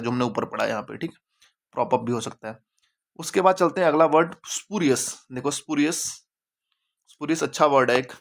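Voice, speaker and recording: Male teacher, casual chatty explainer who repeats key words, mid-pitched. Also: a bit bright. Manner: chatty, mixes English terms into Hindi, repeats words for emphasis.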